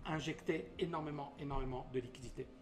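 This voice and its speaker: An investment educator hosts a live teaching stream, quizzing viewers and explaining ideas in plain terms. His voice is medium-pitched and steady, and he speaks quickly.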